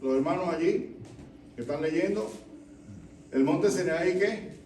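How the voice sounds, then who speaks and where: A man's voice: high-pitched, measured pace, darkish tone. A male pastor preaching in a church vigil, asking his listeners questions and repeating their answers. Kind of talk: interactive sermon with congregation reading. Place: church during an evening vigil. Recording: echoey church, distant mic, background noise.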